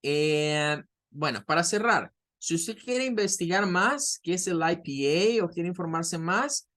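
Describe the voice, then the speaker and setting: A man teaching an introductory English class, who explains patiently and models sounds slowly. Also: a little high, expressive, a bit bright. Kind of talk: online class lecture.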